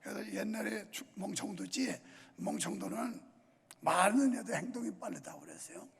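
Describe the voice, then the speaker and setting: Older male pastor with a Chungcheong Korean accent, folksy sermon delivery, husky and gravelly, recorded in a reverberant church hall. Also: high-pitched, moderate pace, a bit bright. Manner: folksy storytelling with comic dialect imitations. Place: large church sanctuary.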